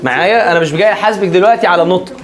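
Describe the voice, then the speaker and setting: A man's voice: sits high, racing, a crowd in the background. A man with an Egyptian accent teaching a class, joking with students and often checking they keep up. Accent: Egyptian Arabic. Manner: lively, joking, keeps checking if students follow. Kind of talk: classroom lecture.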